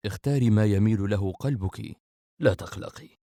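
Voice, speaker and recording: Eldest brother, calm and low, steady authority; man doing him, dry booth read. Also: moderate pace, dry recording, close to an everyday voice. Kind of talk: audiobook character reading.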